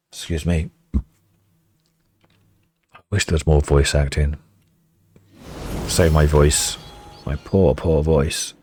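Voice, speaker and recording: A man playing a video game, reading its text aloud and rambling in self-mocking asides, his voice going hoarse. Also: very deep voice, fairly even intonation, takes it slowly, pauses often, darkish tone. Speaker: let's-play gamer.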